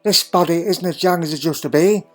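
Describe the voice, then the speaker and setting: With soft music in the background, a man with a high-ish, near-everyday voice speaks briskly as a crotchety, dry-witted elderly time traveller in a fan audio drama. He sounds tetchy and musing, fussing and dropping questioning "hmms" throughout.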